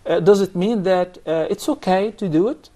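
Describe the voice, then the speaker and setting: A man's voice: sits high, moderate pace, warm tone. A man teaching a Quran recitation class, explaining points patiently and quizzing his students. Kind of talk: classroom instruction.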